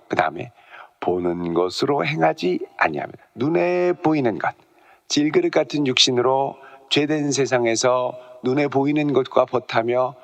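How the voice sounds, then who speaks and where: A middle-aged male pastor preaching a dawn sermon. He tells a story with lively emphasis and often drops to a hushed, near-whispered delivery. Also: mid-range voice, highs cut off. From South Korea.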